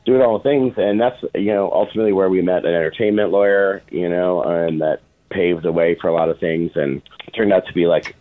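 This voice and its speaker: Interview guest: middle-aged man, low register, informal storyteller, narrow phone-line audio. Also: fairly quick, few pauses. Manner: informal, quotes past dialogue in anecdotes. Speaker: interview guest, film producer. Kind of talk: casual anecdotal storytelling. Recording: phone-like, band-limited radio sound.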